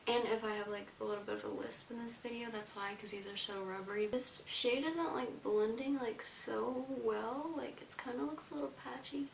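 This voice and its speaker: A woman's voice: fairly high pitch, normal speed, creaky, few pauses. A young woman talking informally as a beauty vlogger in a casual chit-chat makeup tutorial, often trailing off. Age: young adult. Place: indoor room, plain wall. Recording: roomy echo, faint hiss.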